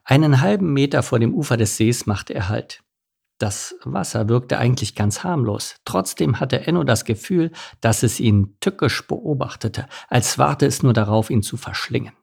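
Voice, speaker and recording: A man narrating a children's animal story in a lively, playful storybook manner. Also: mid-range voice, normal speed, vocal fry, breathy edge.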